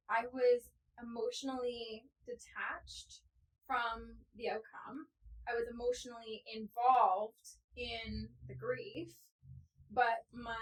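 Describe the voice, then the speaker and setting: A woman's voice: a little high, poor audio. A woman co-hosting a podcast, talking openly and emotionally, tearful as she speaks. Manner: open, emotional, talks through tears. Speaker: podcast co-host. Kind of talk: casual chat.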